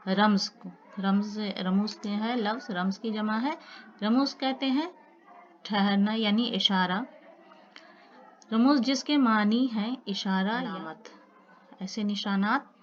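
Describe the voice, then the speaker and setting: A woman teaching an online grammar lesson, explaining slowly with repeated examples and speaking to her students as children. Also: mid-range voice, dull audio, a little hiss or hum.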